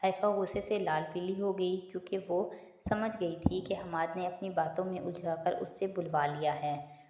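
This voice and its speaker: Casual: woman reading a novel out loud, steady, muffled roomy audio. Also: lowish voice, slight background noise. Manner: slow, steady narration. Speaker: storyteller. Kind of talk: reading a romance novel aloud. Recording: echoey room, slightly dull.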